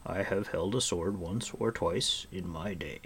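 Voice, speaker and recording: A man voicing a stout, bald old blacksmith who speaks gruffly but kindly in a low, half-whispered voice. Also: expressive, a little slow, slight background noise. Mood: wry. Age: older.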